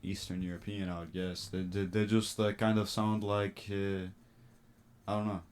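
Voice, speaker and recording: A man's voice: sits low, flat delivery, moderate pace, clear, resonant tone. A man co-hosting a casual podcast, joking in slangy banter and laughing often. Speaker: podcast co-host. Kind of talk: casual chat.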